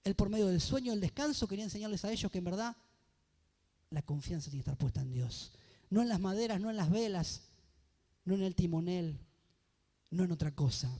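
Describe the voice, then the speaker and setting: A pastor delivers a sermon in a high voice, his phrases climbing in emphasis as he calls out questions to the congregation. The sound hangs in the long reverb of a church hall. He reads scripture slowly and deliberately. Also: a little mellow. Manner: preaching, with rising emphatic phrases and call-and-response questions.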